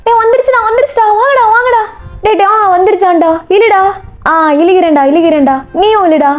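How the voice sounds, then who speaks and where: A woman voicing rowdy, panicking young male friends in a storybook role-play, shouting frantically in slang. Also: very high voice, normal speed, soft background music, pitched above the performer's own voice. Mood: frantic.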